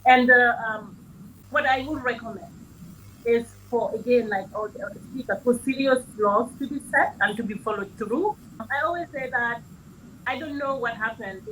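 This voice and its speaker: A woman's voice: a little high, fairly bright tone, a little hiss or hum, low-quality recording. Hesitant woman on a video call. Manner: hesitant, many fillers and restarts. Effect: on a video call with a breaking-up connection. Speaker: panel guest. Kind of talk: remote panel discussion.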